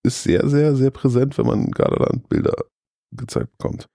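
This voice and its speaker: A man's voice: mid-range voice, steady tone, normal speed, gravelly, dark tone, no echo, studio quality. A man chatting casually and enthusiastically. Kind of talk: casual chat about theme parks.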